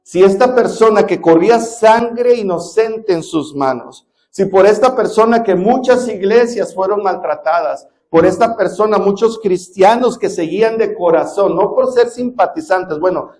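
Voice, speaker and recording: Preaching in a church, a high-voiced male pastor swings between loud emphasis and hushed drops. He also poses questions to the congregation.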